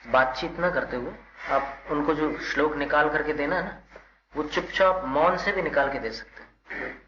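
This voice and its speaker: A Jain monk teaching, leading call-and-response verse chanting and patiently correcting the students' pronunciation. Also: male voice, a little high, normal speed. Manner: patient, instructive, stresses syllables. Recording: roomy, dull, loud background noise.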